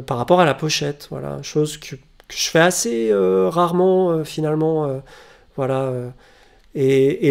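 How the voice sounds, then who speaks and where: A man's voice: on the high side, vocal fry. A man presenting his record finds in a casual vlog, hesitant and full of fillers and restarts, recorded on a webcam at home. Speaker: vinyl collector presenting records.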